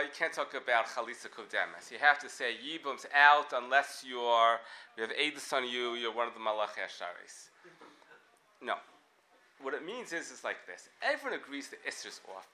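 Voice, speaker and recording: A man teaching a casual Talmud class, thinking aloud with animated restarts and frequent rhetorical questions. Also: mid-range voice, moderate pace.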